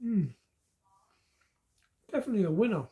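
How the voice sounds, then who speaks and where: Mellow woman reviewing snacks. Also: medium pitch, sing-song, moderate pace. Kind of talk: casual food review.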